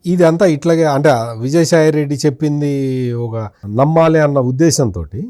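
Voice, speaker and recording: Accusing man, fairly high mellow voice. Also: moderate pace, no room sound, studio quality. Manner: accusing, rhetorical questions aimed at an absent politician. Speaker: senior journalist guest. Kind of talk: political commentary in an interview.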